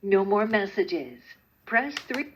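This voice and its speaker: A woman's recorded voicemail system prompt, heard over a landline phone, making measured, formal announcements. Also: medium pitch, very animated. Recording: muffled lo-fi phone sound with noise.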